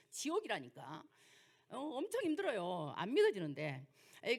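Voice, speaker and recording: An older woman pastor with a Jeolla accent, preaching through folksy personal stories and rhetorical questions. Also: a little high. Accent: Jeolla dialect. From Jeolla, South Korea. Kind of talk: sermon lecture with personal stories.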